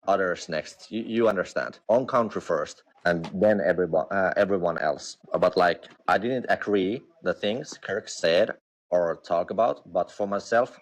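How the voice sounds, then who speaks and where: Low-pitched Finnish-accented man, non-native English, halting and hesitant, casual livestream guest. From Finland. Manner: halting, searching for words. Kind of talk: casual chat.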